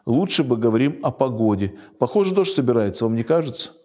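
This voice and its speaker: A man's voice: medium pitch, lively intonation, quick pace, darkish tone, natural voice. Dry, wary guide, voiced by a man. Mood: guarded. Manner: dry and guarded. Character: wary, dry male guide of young travellers.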